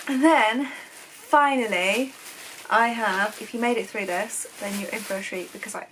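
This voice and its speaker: A young woman chats casually as a sewing vlogger. She gushes over what she shows and fills her talk with ums and likes. Her voice sits fairly high. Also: moderate pace, fairly bright tone, a little hiss or hum, poor audio. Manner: chatty and gushing, many ums and likes. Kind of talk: casual chat.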